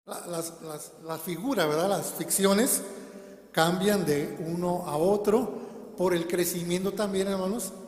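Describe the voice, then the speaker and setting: A man's voice: high voice, fairly even intonation, a little slow. A man preaching a sermon to his congregation, calling them "hermanos" and asking them questions. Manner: varies loudness a lot, at times speaking very softly. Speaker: minister. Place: church hall. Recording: echoey hall with long reverb.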